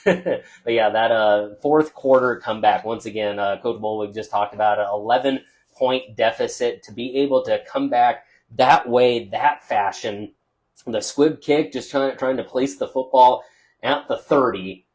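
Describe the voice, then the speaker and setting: A local radio sports broadcaster, a man, loudly runs through a chatty postgame wrap-up of scores and stats from a press box overlooking a football field, dropping plenty of "uh" fillers. His voice is medium in pitch and his pace unhurried.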